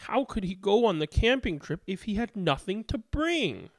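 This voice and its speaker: This storybook reader leans hard on key words, telling a children's picture book with expressive deliberation. Their voice sits in the mid range, and the studio recording carries no echo.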